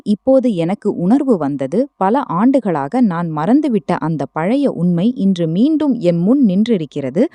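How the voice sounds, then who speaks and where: Woman telling a dramatic story, voice swinging up and down, mellow and dry. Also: mid-range voice, no echo. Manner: dramatic, suspenseful. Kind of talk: scripted first-person story narration.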